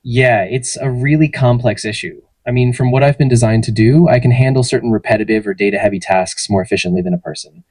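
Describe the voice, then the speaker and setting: A synthetic male AI assistant voice gives friendly, even, polished answers to interview questions in a conversational way. It is mid-range with a breathy edge, fast with hardly any pauses, and has no room sound.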